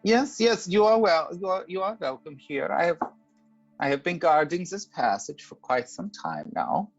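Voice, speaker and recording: A man voicing a vain, hospitable female crystal dragon in a tabletop game, with halting, oddly phrased speech. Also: high voice, very animated, lo-fi sound, soft background music, voice pushed up, heavily acted. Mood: flattered, gracious. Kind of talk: tabletop game role-play.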